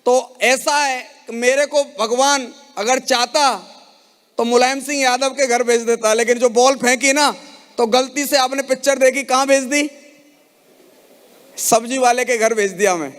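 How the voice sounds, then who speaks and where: This man's very high-pitched, slightly bright voice keeps a steady tone and measured pace as he gives a heartfelt motivational speech at a network marketing event. He fires questions at the audience to rally them from the stage of a large event hall, and the recording echoes with hall reverb.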